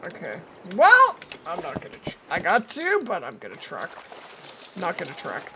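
Streaming a game indoors, this thirty-something woman talks in a lowish voice that swings hugely in pitch at a moderate pace, over a noisy background. She's got a cold and her voice is going, yet she chats away casually to viewers and to the game itself.

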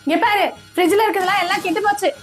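A bossy mother, played by a woman, high-pitched and quick to scold her maid. She gives orders in a comedy skit with faint music under her. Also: steady tone, a bit bright. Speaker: employer and mother.

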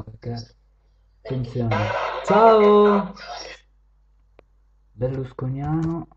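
A man chatting with viewers and strangers on random video chat, joking and teasing, switching from loud greetings to low mutters. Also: highs cut off, slight background noise.

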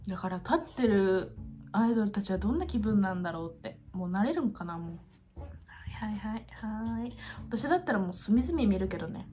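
A woman in her twenties chats casually to camera in an expressive, gushing and self-deprecating way, as a YouTuber in a room at home. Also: medium pitch, fast talker. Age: 20s. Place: small home room, indoors.

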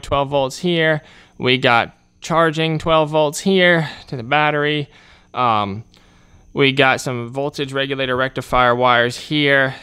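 With a fairly high, sharp, smooth voice, this man hosts his channel's repair tutorial from a workshop. He keeps things casual, talking as he works with his hands.

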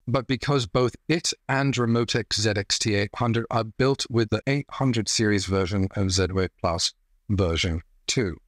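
Man in his thirties, low voice, close dry mic, measured tech-explainer read with dry humor. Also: a bit bright, no echo. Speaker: tech reviewer host. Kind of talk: scripted explainer. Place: home room, indoors.

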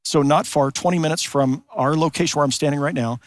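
A man preaches from a church, earnest and deliberate, slowing his words to land each point and posing questions to the congregation. His voice sits a little high for a man. The sound is close and dry. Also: dry recording. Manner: earnest preaching, slows for emphasis, rhetorical questions. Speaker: pastor. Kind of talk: sermon. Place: large church sanctuary.

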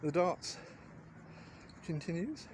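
A vlogger in his forties wanders around a garden filming himself on a phone held at arm's length, chatting in a rambling, wry, understated way. His voice runs on the high side, very animated yet slow, with background noise.

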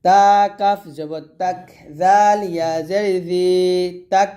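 Slow, syllable-drilling male recitation teacher. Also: sits high, fairly even intonation, warm tone. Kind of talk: spelling-out pronunciation lesson.

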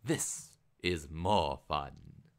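A man's voice: rumbling low, drawn-out words, vocal fry, exaggerated voice. A man voicing a clever, bold folk hero who talks in a confident, teasing way.

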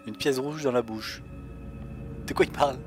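A man commenting on a horror game he is playing, panicky and swearing, often yelling in fright. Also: mid-range voice. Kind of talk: let's play commentary. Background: game music.

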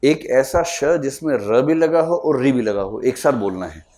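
Hindi lecturer quizzing a classroom. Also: male voice, mid-range voice, animated, measured pace, a little mellow, a little hiss or hum. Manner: quizzes students and calls them up to answer. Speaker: teacher.

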